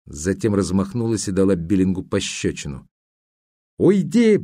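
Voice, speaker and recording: A man narrating a novel as an audiobook, in an even, measured storytelling manner. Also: sits low, dry recording, clean studio sound.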